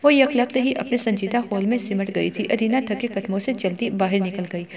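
Woman narrating a novel over crowd noise. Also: mid-range voice. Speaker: audiobook narrator.

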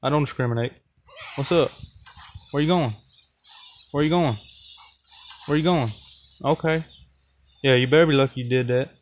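A man's voice: medium pitch, normal speed, long pauses. A young man commentating his own gameplay in a casual, trash-talking way, with a playful, chatty delivery to viewers. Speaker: gaming channel host.

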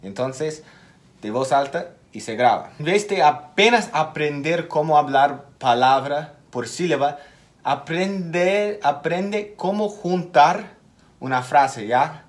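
A man teaching a casual video lesson at an unhurried, careful pace. He repeats key words for emphasis and stumbles a little in his Spanish. His voice sits in a middle register. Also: medium pitch. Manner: makes small slips in his Spanish. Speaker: English teacher.

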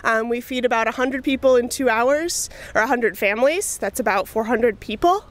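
Chatty woman with a slightly high voice. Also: moderate pace. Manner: chatty, practical, frequent ums. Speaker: food pantry coordinator. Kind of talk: casual explainer interview. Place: outdoors beside a brick church, later inside a pantry room. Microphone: handheld lapel mic held up to the mouth.

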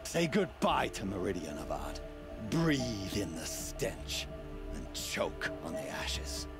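Theatrical, wildly expressive vengeful warlord villain. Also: male voice, sits low, slow, exaggerated voice. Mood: gloating menace. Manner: theatrical, taunting, menacing. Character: vengeful, sneering male warlord villain, gloating and cruel. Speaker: villain in a video game. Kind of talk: dramatic video game acting. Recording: loud game music underneath. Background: loud game soundtrack.

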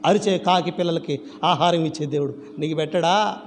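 Animated male preacher with a high voice, quizzing his flock, long hall reverb. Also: a little fast. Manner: animated, asks the congregation repeated rhetorical questions. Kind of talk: church sermon. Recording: reverberant church hall with faint background noise.

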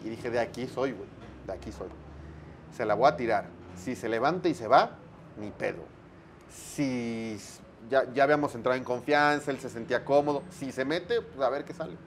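A Mexican man, a sports broadcaster, telling lively anecdotes in a casual interview, full of slang and acted-out dialogue. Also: mid-range voice, moderate pace, a little hiss or hum.

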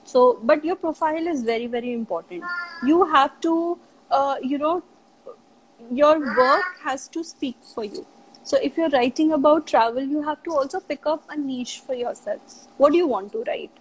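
A woman's voice: high-pitched, moderate pace, slight background noise, rough recording. A woman guest talking casually about travel and her teaching work, with lots of "you know" fillers. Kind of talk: casual live chat interview. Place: live video chat.

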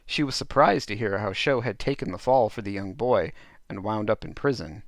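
A man's voice: on the low side, moderate pace, no echo, studio quality. A man narrating a dubbed storybook play as host, with playful, chuckling asides.

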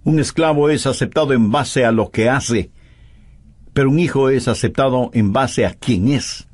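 A man's voice: medium pitch, normal speed, darkish tone. A man preaching a sermon in a voice-over, emphatic and full of pointed rhetorical questions.

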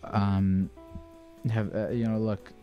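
A man's voice: fairly low pitch, flat delivery, takes it slowly, lo-fi sound, soft background music. A young man hosting a call-in show from a home studio, chatting casually in a laid-back, rambling, joking way into a stand mic. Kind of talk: casual call-in advice chat.

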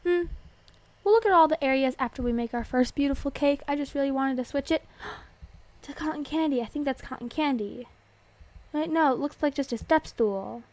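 High-voiced, excitable woman playing a game. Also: no echo. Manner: excitable, gasping and squealing at surprises. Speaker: gaming video host. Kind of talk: casual game commentary.

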